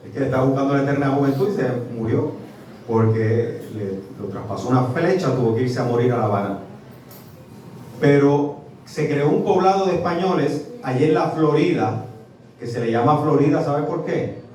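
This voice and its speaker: A Puerto Rican man giving a lively public talk as a professor, quizzing his audience as he goes. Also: medium pitch, normal speed, slight background noise. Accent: Puerto Rican Spanish. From Puerto Rico. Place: restaurant event space. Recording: echoey venue, mic from a distance.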